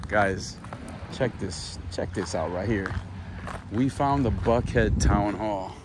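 A man with a lowish, slow voice hosts a travel vlog in a small town, chatting casually as he tours and exclaiming in amazement at the sights. The outdoor recording is noisy, with vehicles and ambient sounds.

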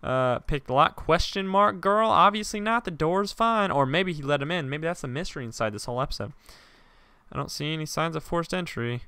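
Bright, jokey young man playing a game. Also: a little high, expressive, clear, resonant tone, dry recording. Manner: jokey, profane, quick to shout. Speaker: gaming YouTuber. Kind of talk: let's play commentary.

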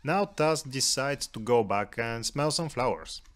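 A man narrates his cat's outdoor walk in a calm, even voice. His humor is dry and low-key, and his pitch sits in an ordinary middle range. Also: measured pace. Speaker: cat vlogger narrating a hike.

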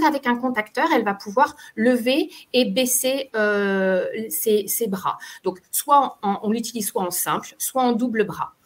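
A woman with a slightly high voice leads a webinar presentation. She explains patiently, stopping often on fillers and picking up again in a plain speaking tone. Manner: hesitant, frequent fillers, explanatory. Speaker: occupational therapist presenter. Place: webinar call.

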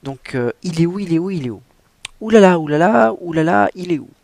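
A man's voice: high voice, lively intonation, a little fast, vocal fry, a little mellow, dry recording, pitched above the performer's own voice. A man voicing a flustered young woman who stutters and exclaims frantically while hunting for her tiara. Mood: frantic. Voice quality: stuttering, repetitive.

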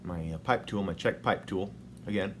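Man, very low voice, pipe in mouth while demonstrating; easygoing, halting delivery with fillers. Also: slight background noise. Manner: relaxed, halting, many fillers. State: talking with a pipe in his mouth. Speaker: pipe smoking instructor. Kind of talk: casual how-to demonstration.

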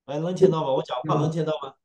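A man's voice: fairly high pitch, steady tone, very fast, mellow. A man joining remotely by phone, repeatedly checking whether he can be heard. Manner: repeats himself, fussing over the connection. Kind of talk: casual audio check. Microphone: phone on a video call.

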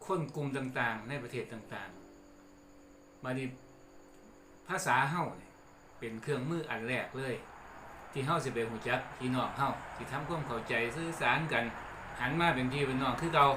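A middle-aged man with an Isan accent, hosting a relaxed lesson on old regional words and chuckling between points. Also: mid-range voice. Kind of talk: casual explanatory talk. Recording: echoey room with faint background noise.

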